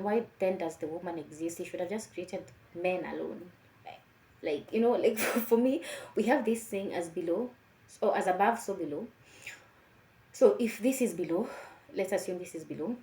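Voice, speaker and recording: Mellow woman in an echoey room. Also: lowish voice. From Africa. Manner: emphatic, rhetorical questioning, repeats phrases. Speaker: vlogger giving personal opinions. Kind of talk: casual conversational monologue.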